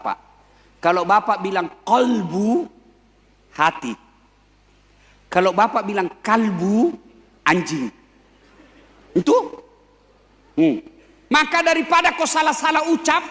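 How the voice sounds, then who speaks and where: A male preacher, giving a lively, joking sermon and speaking directly to a live crowd. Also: sits high. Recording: long hall reverb.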